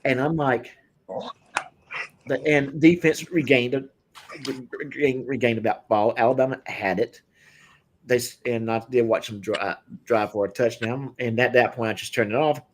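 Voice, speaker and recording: A man's voice: mid-range voice, fairly even intonation, normal speed, slight background noise. A man hosting a casual drinking chat show, rambling with lots of fillers and easy laughs. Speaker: podcast host.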